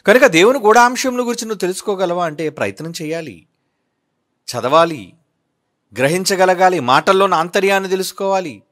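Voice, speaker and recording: A man preaching a sermon who reads scripture slowly and keeps putting questions to his listeners, with strong emphasis. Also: sits high, lively intonation, a bit bright. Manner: questioning, emphatic, drawn-out readings. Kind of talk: sermon with bible reading.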